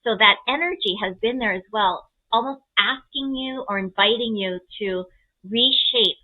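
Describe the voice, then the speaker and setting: Gentle and encouraging, this astrologer explains a chart reading conversationally with simple analogies. Her voice is a little high, her speed normal, and the sound narrow and tinny.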